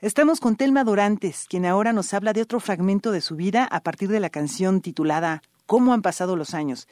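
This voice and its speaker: A woman hosting a radio interview, introducing her guest quickly and answering with short murmurs. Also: medium pitch, lively intonation, darkish tone, no echo, studio quality.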